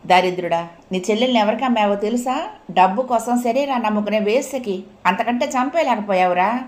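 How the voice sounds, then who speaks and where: A woman's voice: mid-range voice, brisk, natural voice. A woman reading as a grieving, furious village mother. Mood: bitter. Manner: scolding, tearful outbursts.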